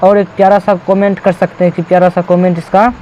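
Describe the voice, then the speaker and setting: High-voiced male teacher quizzing students. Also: little pitch movement, fast talker, warm tone, highs cut off, a little hiss or hum. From India. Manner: repeats and asks rhetorical questions to students. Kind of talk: textbook question-and-answer lesson.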